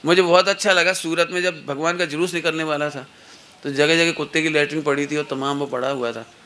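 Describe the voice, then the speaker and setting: A man's voice: on the high side, fairly even intonation, brisk, pushed and bright. A middle-aged man giving a satsang talk to children and parents, telling anecdotes and playfully acting out the people in them. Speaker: religious teacher.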